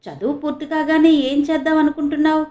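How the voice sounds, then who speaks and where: A woman's voice: high voice, quick pace, mellow, roomy sound, pitched above the performer's own voice, lightly acted. A woman doing a teasing young woman.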